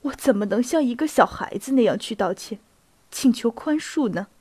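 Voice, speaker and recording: A woman reading a proud young count who speaks in a halting, pleading way. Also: on the high side, expressive, darkish tone, no room sound.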